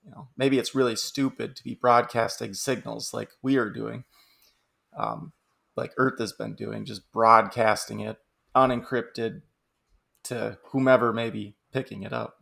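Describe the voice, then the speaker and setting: Male podcast co-host, low gravelly voice, relaxed chatty musing. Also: a little slow. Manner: laughs often, musing and talkative. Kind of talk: casual chat.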